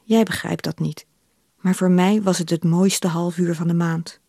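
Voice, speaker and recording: A woman's voice: fairly low pitch, measured pace, no echo, clean studio sound. A woman reading as a blunt, unflappable older woman. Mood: calm. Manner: matter-of-fact, calm. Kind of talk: literary reading.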